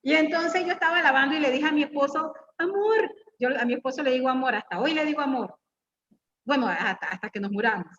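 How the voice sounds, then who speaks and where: A high-voiced, middle-aged woman guest-preaches at a church women's gathering, sharing personal stories in a lively, teasing sermon and firing questions straight at her audience. She speaks rapid-fire with few pauses, recorded in dull, lo-fi sound with a long hall echo.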